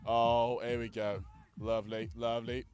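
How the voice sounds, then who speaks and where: Excitable Yorkshire rugby commentator. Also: male voice, medium pitch, normal speed, faint music behind. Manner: excitable, playful banter.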